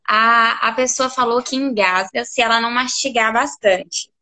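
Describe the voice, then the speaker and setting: A woman's voice: a little high, fairly even intonation, normal speed, bright, forceful tone. A woman from Brazil moderating a question session, relaying audience questions with brief, polite prompts. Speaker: interviewer reading audience questions. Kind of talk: moderating a live Q&A.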